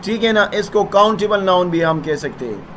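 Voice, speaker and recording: A man's voice: sits high, animated, moderate pace, fairly bright tone, a little hiss or hum. A man teaching English grammar, patiently explaining and often checking that his students follow. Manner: patient, repeats "ठीक है ना?" to check understanding.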